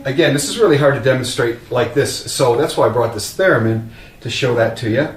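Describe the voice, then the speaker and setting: Relaxed man demoing gear in a roomy space. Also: mid-range voice, a little fast. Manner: relaxed explaining, with fillers and restarts. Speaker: product demonstrator. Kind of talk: casual gear demonstration. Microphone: open vocal mic at a distance. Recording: roomy, distant mic, faint hum.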